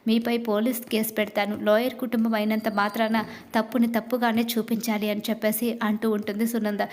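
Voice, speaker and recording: Woman, serial episode recap narrator, higher-pitched voice, flat monotone delivery, long run-on retelling, reads the dialogue in her own voice. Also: fairly quick.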